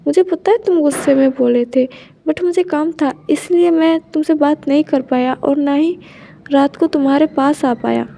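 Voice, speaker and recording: A woman's voice: high-pitched, normal speed, creaky, dark tone. Give me a woman reading as a soothing young husband. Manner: reassuring, coaxing.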